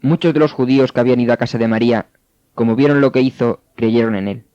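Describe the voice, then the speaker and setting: A man narrating scripture in a steady, measured way. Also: mid-range voice, no echo. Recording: dull, dry studio sound.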